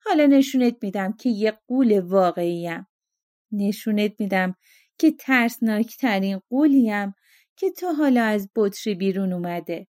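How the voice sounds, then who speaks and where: A woman's voice: medium pitch, animated, darkish tone, lightly acted. A woman voicing a vengeful ancient genie. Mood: furious, boastful. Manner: menacing, bitter, boastful. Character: vengeful ancient male genie freed from a bottle.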